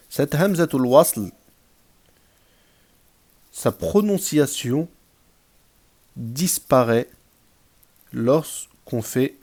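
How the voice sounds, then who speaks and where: Slow, patient male Arabic teacher. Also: mid-range voice, a little mellow. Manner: patient, repeats examples and asks "d'accord?". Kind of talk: classroom grammar lesson.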